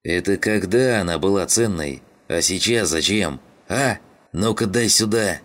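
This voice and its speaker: A man voicing a gruff, bossy male scavenger leader who swears and barks orders. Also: deep voice, measured pace, a bit bright. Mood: irritated. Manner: rough, swearing, barking orders.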